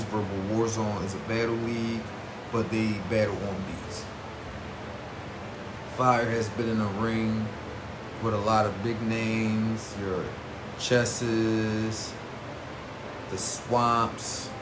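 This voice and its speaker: A battle rap review vlog is hosted by a man whose lowish voice stays level as he speaks slowly. His commentary is casual and slangy, leaning on emphatic repetition, recorded with roomy echo and noticeable background noise.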